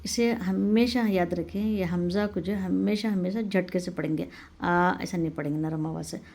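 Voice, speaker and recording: A woman teaching the pronunciation of Arabic letters, who explains slowly and step by step and repeats each sound several times in a drawn-out way. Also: fairly low pitch, vocal fry, a little mellow. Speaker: Quran recitation teacher. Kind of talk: patient pronunciation lesson.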